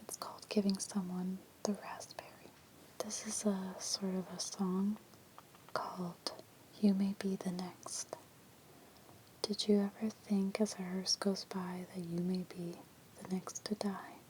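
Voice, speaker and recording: A woman reading creepy legends as an ASMR storyteller in a hushed, breathy whisper. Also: medium pitch, little pitch movement, measured pace, a little hiss or hum, low-quality recording.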